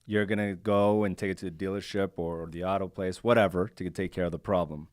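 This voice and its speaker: A man's voice: sits low, fairly even intonation, brisk, dry recording. A man co-hosting a podcast in a casual chat, thinking aloud and questioning his own reactions, recorded in a studio. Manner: reflective, self-questioning. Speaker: podcast co-host.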